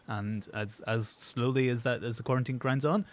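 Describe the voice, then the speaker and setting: A man co-hosts a relaxed video-call chat, speaking in a middle pitch. He rambles and keeps breaking off to restart his sentences, with a playful, joking edge. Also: moderate pace. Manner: rambling, self-interrupting, playful. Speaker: co-host.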